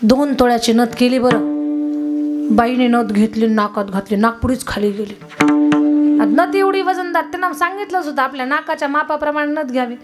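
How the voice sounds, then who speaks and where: A woman's voice: high voice, a little fast. A woman preacher telling a story in a devotional sermon, speaking emphatically and straight to the audience. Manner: emphatic, addresses audience directly. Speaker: kirtan preacher. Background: tabla music.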